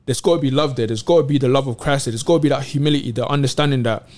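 A man in casual faith discussion on a podcast, animated and slangy, retelling Bible stories in street talk. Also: medium pitch, very fast. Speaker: podcast co-host.

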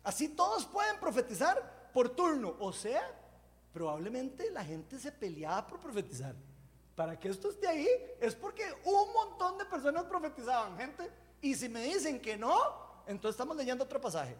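Predicador de voz muy aguda, expresivo y bromista, sala con mucha reverberación. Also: male voice, extremely high pitch, normal speed. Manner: animated, jokey, conversational preaching. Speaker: preacher. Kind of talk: sermon.

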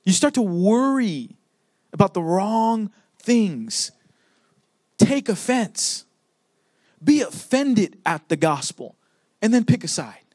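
A young man preaching in a casual, emphatic way, circling back on his phrases as he drives each point home. His voice sits high for a man, and the sound is dry and close. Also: very animated, takes it slowly, pauses often, darkish tone, dry recording. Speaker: pastor. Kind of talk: sermon.

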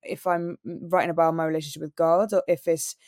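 A woman's voice: deep voice, flat delivery, brisk, a little mellow, dry recording, clean studio sound. A young woman from Wales, a singer and radio presenter, answering interview questions in an earnest, storytelling way. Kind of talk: interview conversation.

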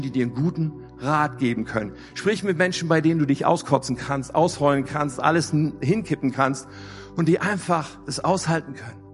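Male pastor, sermon, gravelly voice, slightly high pitch, emphatic repetition, soft music behind. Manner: emphatic, repeats phrases and asks rhetorical questions.

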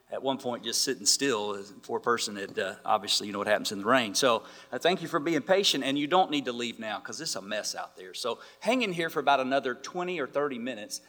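Pastor guy running a panel, jokey and chatty, bright voice, big echoey hall. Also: medium pitch. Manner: friendly, joking, chatty. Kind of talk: casual moderating at a church event.

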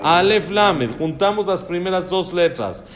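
A man's voice: high voice, expressive, measured pace, a bit bright. A man teaching a religious lesson on prayer, posing questions and answering them himself. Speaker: Torah teacher.

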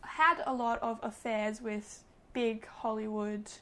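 A woman's voice: fairly high pitch, steady tone, slow, fairly bright tone. A woman co-hosting a podcast, chatting casually and gushing like a gossipy storyteller. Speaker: podcast co-host. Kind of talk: casual chat.

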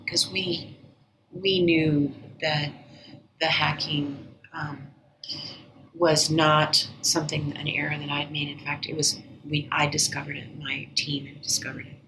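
A woman guest in an interview, telling a personal story in an earnest, measured way that often sinks to a near-whisper. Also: low-pitched, background noise. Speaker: interview guest, former agency director.

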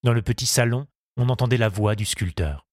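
A man narrating a story in a measured, even audiobook reading. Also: mid-range voice, no echo, clean studio sound.

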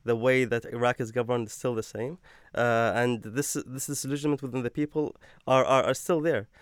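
A young man speaking as a guest on a panel, hesitant and full of fillers. His voice is smooth and resonant, and it is recorded dry and close. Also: mid-range voice, steady tone, fairly quick, no room sound. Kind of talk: panel discussion.

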